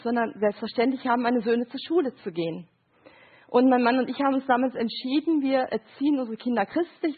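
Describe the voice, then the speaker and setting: Husky-voiced woman giving a grief talk. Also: on the high side. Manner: explains with short examples and quoted voices, asks "Ja?". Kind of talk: lecture with picture cards. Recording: thin phone-like sound.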